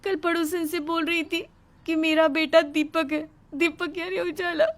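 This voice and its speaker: A woman voicing a meek young wife in a cartoon story, soft and pleading. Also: extremely high pitch, little pitch movement, measured pace, voice pushed up. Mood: tearful. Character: meek tearful young wife, eager to please.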